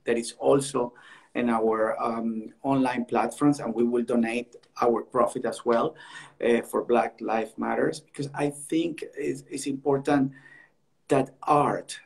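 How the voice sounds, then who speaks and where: A man working as an art dealer, speaking English as an in a halting way that repeats words, over a video call. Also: mid-range voice, fairly even intonation, creaky. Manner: halting, repeats words, non-native phrasing. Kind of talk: casual conversation on a livestream.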